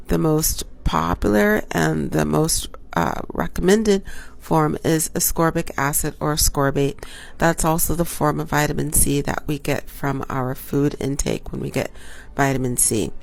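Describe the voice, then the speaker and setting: Her low, gravelly voice comes through congested as the OB-GYN casually explains health topics on her show. The delivery is slow and halting, full of ums and self-corrections, with an occasional cough from her cold.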